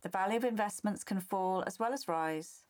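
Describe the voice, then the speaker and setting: A woman's voice: medium pitch, moderate pace, a little mellow. A woman reading a scripted legal disclaimer in a formal, impersonal way.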